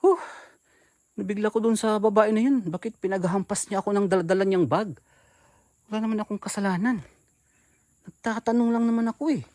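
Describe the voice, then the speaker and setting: A man narrating his ghost-hunting vlog outdoors near an abandoned hut, talking to viewers in hushed, jumpy commentary into a handheld camera mic. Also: sits high, a little fast, long pauses, dry recording. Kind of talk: live exploration vlog commentary.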